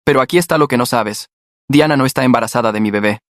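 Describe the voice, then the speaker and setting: Un hombre que da voz a un hermano manipulador y amenazante que se burla, con acento mexicano. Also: male voice, medium pitch, fast talker, no echo, studio quality, natural voice. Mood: menacing. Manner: taunting, threatening. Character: menacing younger brother, a manipulative killer.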